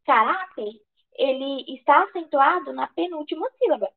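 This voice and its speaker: A Brazilian woman with a high voice teaches grammar for an exam. She asks questions and answers them herself, often restarting her sentences. The recording sounds dull and lo-fi. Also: animated, moderate pace, creaky. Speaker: exam prep tutor. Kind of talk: online grammar lesson.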